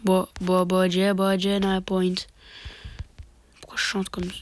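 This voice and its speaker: This man's high voice is monotone and slow as he narrates his own match into a phone mic while fighting a cold. Between sniffles he mutters mock boasts and half-whispered asides, with slight hiss or hum in the background.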